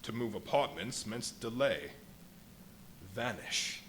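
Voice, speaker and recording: A man's voice: mid-range voice, expressive, fairly bright tone. Man acting a volatile invisible scientist, swinging dramatically. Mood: tense, indignant. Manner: dramatic, literary phrasing with emphatic pauses. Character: the Invisible Man, a feverish, boastful, volatile male scientist recounting crimes. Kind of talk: live radio play monologue, theatrical storytelling. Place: live performance at a brewery venue. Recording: live stage performance with audible background noise.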